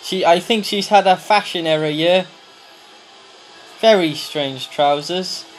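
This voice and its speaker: A man giving casual, excitable commentary over a video game, exclaiming loudly at the action. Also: high voice, slow pace, a little hiss or hum. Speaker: gameplay commentator. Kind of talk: casual let's-play commentary.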